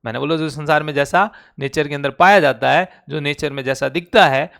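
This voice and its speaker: Brisk and a little high, his voice is fairly bright and smooth, with some vocal fry. He's delivering a chemistry lecture in Hindi with a Rajasthani accent for a recorded online class, regularly quizzing students through call-and-response.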